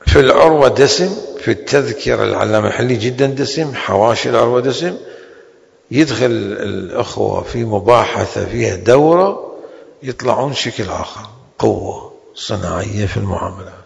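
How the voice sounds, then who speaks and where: A man gives a seminary law lecture in a gravelly, creaky voice. He draws out the important terms slowly, then hurries through side remarks. A long hall reverb trails each phrase. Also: lowish voice, dull audio. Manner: slow, drawn-out stresses on key terms with sudden quick asides. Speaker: religious law teacher.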